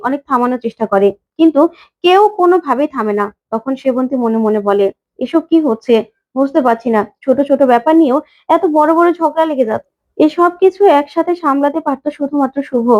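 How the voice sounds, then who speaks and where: A woman's voice: high-pitched, a little fast, darkish tone. A woman narrating a recap of a TV serial, voicing every character's lines herself.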